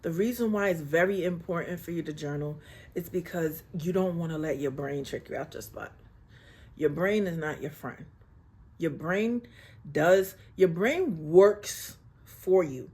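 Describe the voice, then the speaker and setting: Husky woman giving emphatic life advice. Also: lowish voice, lively intonation, a little slow, dark tone. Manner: emphatic, preachy, repeats herself; calls the viewer baby. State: getting emotional, near tears. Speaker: lifestyle vlogger. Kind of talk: casual motivational talk to camera.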